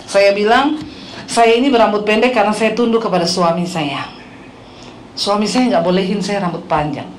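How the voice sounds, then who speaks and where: A middle-aged woman pastor with an Indonesian accent, preaching a lively, humorous sermon full of stories and questions to the congregation. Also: mid-range voice, moderate pace. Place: church hall. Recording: echoey hall with faint noise.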